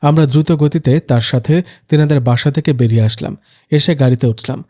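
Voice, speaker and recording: Mellow young man narrating a story. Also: mid-range voice, fairly quick. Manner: gentle, storytelling, light humor. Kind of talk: first-person story narration.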